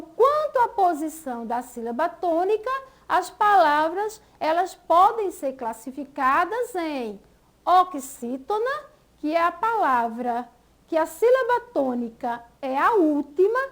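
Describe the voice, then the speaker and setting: Woman, Brazilian accent, school TV teacher, high voice, unhurried, drawn-out example words. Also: a bit bright. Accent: Brazilian Portuguese. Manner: patient, stretches out example words syllable by syllable. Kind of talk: school TV lesson.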